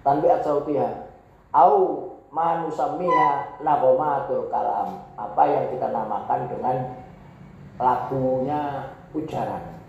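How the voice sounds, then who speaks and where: An unhurried man teaches Arabic in a classroom lecture. He reads text aloud, then explains it with repeated examples. His voice is recorded dull and with a strong echo. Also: medium pitch, creaky, a little mellow, slight background noise. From Indonesia.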